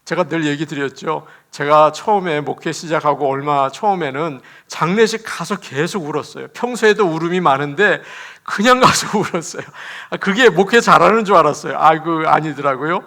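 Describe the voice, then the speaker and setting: A man, a pastor, preaching an animated sermon in a church, laughing as he talks and acting out quotes. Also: a little high, moderate pace, hardly any pauses.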